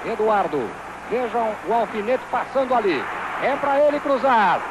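A man's voice: high-pitched, lively intonation, moderate pace. A man with a Brazilian accent giving live football play-by-play with explosive goal calls, as a commentator on an old TV broadcast. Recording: old TV broadcast, loud stadium noise. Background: loud stadium crowd.

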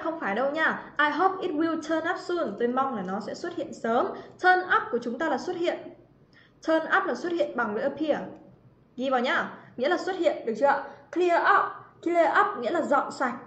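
A woman's voice: sits high, fairly bright tone. A woman teaching an English grammar livestream, chatty and teasing, calling out students by name. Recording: roomy, slightly dull livestream audio.

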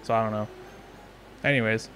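A man's voice: fairly low pitch, fairly even intonation, normal speed, a bit bright, faint music behind. A young man hosting a let's play, thinking aloud in casual, chatty commentary.

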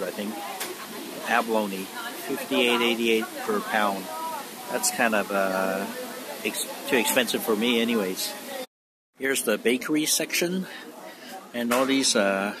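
Slow-talking man filming in a store. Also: lowish voice, steady tone, crowd noise. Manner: amazed, rambling narration with fillers. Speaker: vlogger. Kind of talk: casual walkthrough vlog. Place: large supermarket indoors. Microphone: phone held while walking. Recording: noisy phone recording in store. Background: store ambience.

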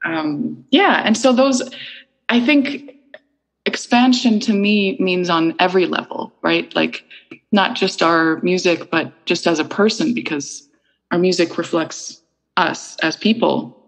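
A woman's voice: on the low side, measured pace, poor audio. A middle-aged woman from Iceland, an interview guest talking thoughtfully and searching for her words. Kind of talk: reflective conversational interview.

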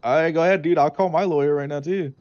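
A man's voice: a little high, fairly even intonation, fast, darkish tone, no room sound. A man in casual game role-play as a burger shop worker, talking in laid-back, dude-heavy slang. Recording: slightly dull, lo-fi voice chat.

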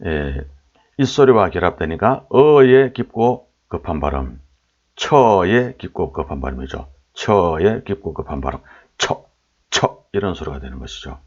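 A man with a very low voice lectures with a lively, swooping delivery. He sounds out sample syllables again and again and puts questions to his listeners. The recording is dull and lo-fi. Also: moderate pace. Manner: repeats sample syllables aloud, asks rhetorical questions. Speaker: lecturer on old Korean pronunciation. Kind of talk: explanatory lecture.

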